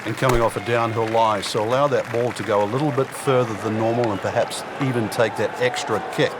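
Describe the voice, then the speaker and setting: Against very loud crowd and outdoor noise, a male golf commentator voiced by an actor gives analysis in a game broadcast. He explains each shot conversationally at an average male pitch. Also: steady tone, a little fast, lightly acted. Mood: assured, explanatory. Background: loud outdoor crowd ambience.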